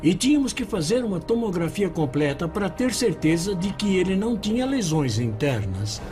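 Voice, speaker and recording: An actor playing an attentive, soothing emergency doctor with a Brazilian accent in a dubbed documentary. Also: male voice, high-pitched, sing-song, normal speed, over music. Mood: explanatory. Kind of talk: dubbed documentary dialogue and narration. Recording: clearly noisy background ambience.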